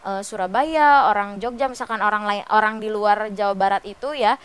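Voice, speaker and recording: Lying in bed in her bedroom with a stuffy nose from a cold, a young woman from West Java, Indonesia, vlogs chattily to her followers, dropping plenty of fillers. Her voice sounds nasal yet smooth, medium in pitch, at a normal speed.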